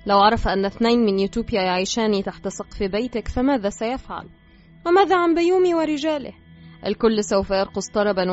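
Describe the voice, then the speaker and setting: A woman voicing a calm, scheming male thug who makes quiet threats, read in an audiobook with faint music behind. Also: medium pitch, lightly acted. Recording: slightly dull with faint music.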